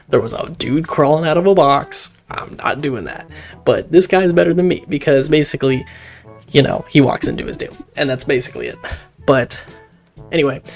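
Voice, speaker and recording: A man casually recapping a horror film, rambling and excitable, with laughs and swearing. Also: mid-range voice, vocal fry.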